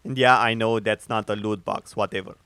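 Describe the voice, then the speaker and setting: Sarcastic male commentary voice, smooth and dry. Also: fairly low pitch, steady tone, bright, forceful tone, dry recording. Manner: sarcastic, mocking, frequent filler pauses. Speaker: commentary youtuber. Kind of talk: opinionated video commentary.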